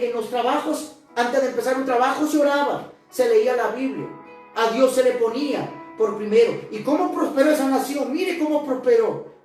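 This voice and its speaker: High-voiced woman preaching in an echoey hall. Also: dark tone. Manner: impassioned, dramatically acting out scripture quotes. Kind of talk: sermon. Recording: echoey church hall, mic at a distance, faint music.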